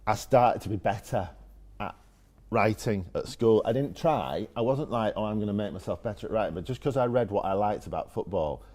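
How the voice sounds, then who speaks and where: Guesting on an interview, a Leeds man with a northern English accent tells offhand, self-mocking stories from his own life. He speaks a little quickly, in a lowish voice with a darkish tone.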